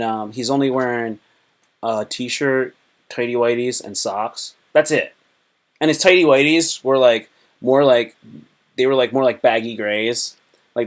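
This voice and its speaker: A young man live streaming, telling crude, joking stories in a rambling way full of fillers and restarts. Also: medium pitch. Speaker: live streamer and stand-up comedian. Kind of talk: casual live-stream storytelling.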